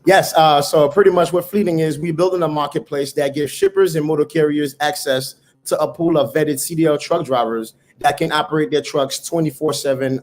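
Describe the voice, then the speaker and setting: A man's voice: fairly high pitch, darkish tone. A middle-aged man from Haiti, a startup founder telling his story in an earnest, motivational way as an interview guest. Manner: earnest, motivational, occasional repeated words. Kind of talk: conversational interview.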